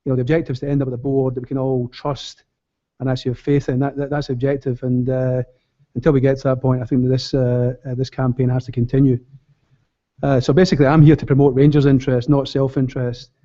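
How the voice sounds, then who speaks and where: A man addresses a public meeting off the cuff, earnest and insistent. His voice is very dark, with little rise and fall, and he repeats phrases for emphasis. The sound is a bit dull. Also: mid-range voice, level tone, fast talker. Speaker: board candidate and campaigner addressing fans. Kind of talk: unscripted speech at a public meeting.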